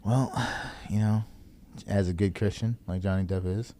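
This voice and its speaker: A man in his thirties, a company chief on a podcast, joking in a deadpan way with drawn-out pauses. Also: lowish voice, a little hiss or hum. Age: 30s. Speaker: podcast guest, company CEO. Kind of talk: casual podcast chat.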